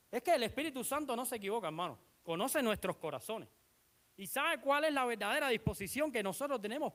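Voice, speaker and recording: A preacher with a mid-range voice delivers an animated sermon, retelling scripture with dramatic emphasis and putting rhetorical questions to the congregation.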